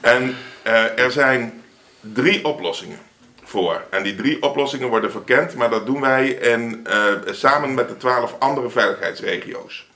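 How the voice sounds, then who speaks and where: A man answering questions in a council meeting, explaining in a measured, slightly halting way. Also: mid-range voice, bright, forceful tone. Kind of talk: formal meeting reply.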